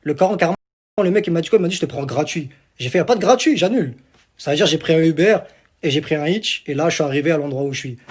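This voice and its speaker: A man's voice: on the high side, racing, breathy edge. A young man from Algeria ranting boastfully in a casual vlog, repeating himself and swearing oaths, recorded on a phone. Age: young adult. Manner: boastful, repetitive swearing on the Quran. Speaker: social media personality.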